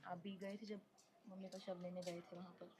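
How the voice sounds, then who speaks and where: A woman's voice: fairly low pitch, level tone, normal speed, mellow. A woman reporter asking interviewees probing questions in the field.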